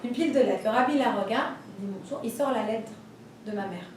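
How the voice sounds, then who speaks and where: A woman teaching a religious class, telling stories in a lively way and acting out the voices of the people in them. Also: a little high, quick pace, a little hiss or hum. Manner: lively storytelling, acts out voices. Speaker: Torah teacher. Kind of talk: storytelling class. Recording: echoey room, voice from far off.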